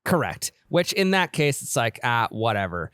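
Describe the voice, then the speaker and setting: Young male co-host, casual banter, mid pitch, dry close mic. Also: big pitch swings, moderate pace, a bit bright, smooth, no echo. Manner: joking, riffing on the topic. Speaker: podcast co-host. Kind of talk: casual chat. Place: simulator studio. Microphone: studio microphone.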